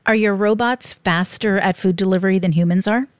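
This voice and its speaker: A woman with a mid-range voice hosts an interview. She puts clear, composed questions to her guest. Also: medium pitch, fairly quick. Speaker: interview host.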